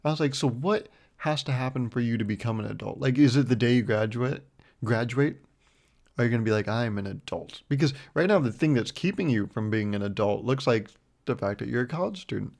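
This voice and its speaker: A young man in his twenties hosts his own podcast, chatting in a loose, rambling, self-deprecating way. His voice has a gravelly, fry-heavy edge at a middle pitch. He talks close into a mic with a foam windscreen. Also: a little fast, darkish tone. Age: 20s. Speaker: podcast host. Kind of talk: casual solo podcast chat.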